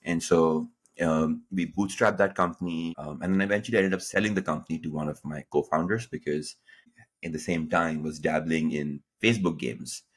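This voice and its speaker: Male guest, late 30s, from Pakistan, deep husky voice, animated storyteller. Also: moderate pace. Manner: animated, acts out quoted dialogue with jumps in pitch. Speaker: guest entrepreneur. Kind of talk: conversational interview storytelling.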